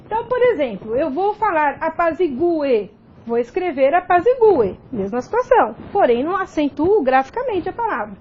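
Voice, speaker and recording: A woman's voice: high voice, sing-song, fairly quick, hardly any pauses, dull audio, a little hiss or hum. A Brazilian woman teacher giving a recorded grammar video lesson, explaining step by step and often checking in with tag questions. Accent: Brazilian Portuguese.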